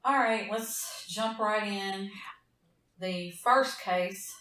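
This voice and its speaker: A woman's voice: medium pitch, extremely slow, sharp tone. Southern woman host, roomy and distant. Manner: rambling, laughs easily, blunt. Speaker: podcast host. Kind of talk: casual true-crime chat, reading case notes.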